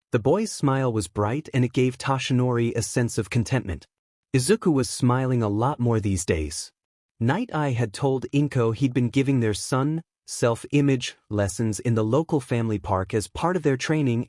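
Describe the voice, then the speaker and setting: A man narrates a story in a steady, even read. His voice sits at a middle pitch. The sound is close and dry, with no room around it. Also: dry recording.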